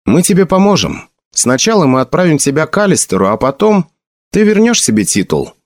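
A calm, loyal young captain who reassures his friends, as a man puts him on while reading a storybook. His voice is pitched a little higher than the narrator's plain one. The recording is close and dry. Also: brisk, no echo. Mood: reassuring.

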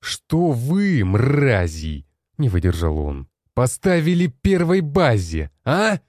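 A man voicing an older male base commander who shouts, swears and rages at his superiors. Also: deep voice, lively intonation, a little slow, dry recording, clean studio sound. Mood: raging.

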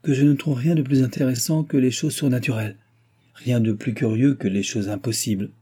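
A man voicing a worldly, greedy old cardinal with a suave, measured prelate's tone, read as an audiobook figure. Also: mid-range voice, steady tone, dark tone, slightly rough, lightly acted.

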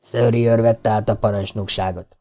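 A man reading the lines of a grim, worried male military officer in an audiobook, in a quiet, sober delivery. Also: on the low side, level tone, lightly acted.

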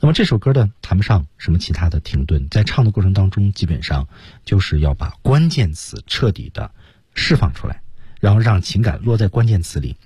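Male radio singing teacher, Mandarin accent, deep and husky, animated delivery, dry studio sound. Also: a little fast, no room sound. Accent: Mandarin Chinese. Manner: explains stress and phrasing, sings demonstrations. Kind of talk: bilingual song lesson.

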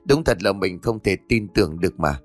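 A man voicing a resentful teenage boy who distrusts his father, speaking higher than his narration. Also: animated, fairly quick, soft background music. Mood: bitter.

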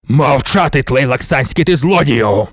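A man voicing an ancient, imperious male god-emperor in an audiobook, speaking in a slow, measured, commanding way. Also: mid-range voice, lively intonation, darkish tone, dry recording, clean studio sound, voice pushed down, natural voice. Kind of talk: audiobook character voice.

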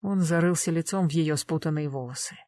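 Steady audiobook narrator, dry sound. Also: medium pitch, brisk, no room sound. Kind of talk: scripted narration.

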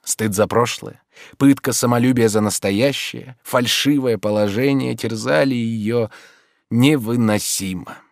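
Measured male audiobook narrator. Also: mid-range voice, gravelly, dry recording, clean studio sound. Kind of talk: audiobook reading of classic prose.

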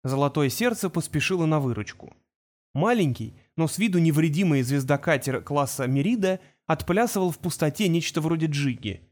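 A man reads a comic novel aloud as scripted narration. His voice sits fairly high and moves with a brisk, wry storytelling manner. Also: lively intonation, darkish tone. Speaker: audiobook reader.

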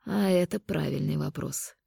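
A woman voicing a cruel male conqueror in an audiobook, speaking low, hushed and taunting. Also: normal speed, vocal fry, husky, no room sound, clean studio sound, exaggerated voice. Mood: cold menace. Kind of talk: audiobook character voice.

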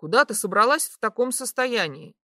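A woman's voice: on the high side, lively intonation, a little fast, pushed and bright, no echo, clean studio sound. A woman voicing an exasperated young husband who mutters his complaints. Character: grumbling young man, worried husband.

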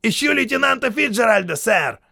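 A man voicing a crazed, murderous army sergeant who is fawning and sneering, with a shrill, barking delivery. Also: lively intonation, fairly quick, gravelly, pushed and bright, dry recording, studio quality, full character voice. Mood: manic.

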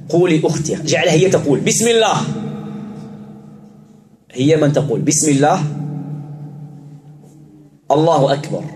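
A man's voice: a little high, a little mellow, slight background noise. A man leading an exorcism session, reciting verses and issuing short, repeated commands. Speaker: Islamic exorcist. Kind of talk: ruqya session with Quranic recitation. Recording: roomy with music behind.

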